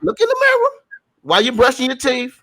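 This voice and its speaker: Extremely high-pitched, wildly swooping, bright, and forceful, this talk-show co-host talks fast. He rants casually at his co-hosts and the audience in street slang, preaching, repeating points, and throwing in frequent mild swearing.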